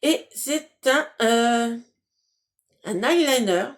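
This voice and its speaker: Slow-talking chatty woman. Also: fairly high pitch, animated. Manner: chatty, hesitant, many fillers and restarts; laughs at herself. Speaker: beauty box unboxing vlogger. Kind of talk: casual unboxing chat.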